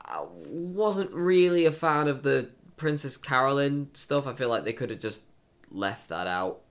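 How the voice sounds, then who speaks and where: A man's voice: mid-range voice, expressive, a little slow. A man co-hosting a casual chat about TV episodes, talking loosely with fillers like "you know" and "like". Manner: chatty, with fillers and laughs. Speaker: podcast co-host.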